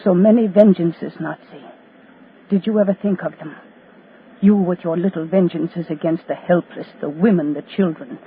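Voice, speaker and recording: Wartime radio drama: female actor as avenging prisoner taunting her executioners in slow chant-like phrases, faint hiss, narrow old broadcast band. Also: fairly low pitch, natural voice. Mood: solemn, menacing. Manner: solemn, incantatory, taunting, dramatic pauses. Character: defiant condemned woman, unkillable avenging accuser of Nazis. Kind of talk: 1940s radio drama monologue. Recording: thin, scratchy 1940s radio broadcast.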